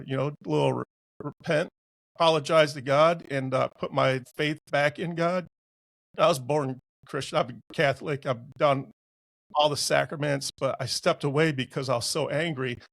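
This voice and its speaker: A man in his sixties, a podcast guest, telling a personal story in a casual, animated and emotional way. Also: fairly high pitch, vocal fry, dry recording. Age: 60s.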